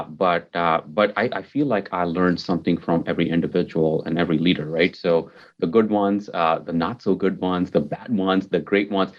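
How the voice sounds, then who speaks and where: A technology executive in his 40s from Mumbai, India, answers interview questions as a podcast guest. His deep voice comes through with the highs cut off, and he sounds upbeat and earnest, repeating words for emphasis.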